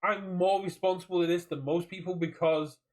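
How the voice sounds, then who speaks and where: In a low-quality recording, a British podcast co-host talks casually about a card game community, wandering off on tangents and repeating himself. He has a high voice with a steady tone and a moderate pace.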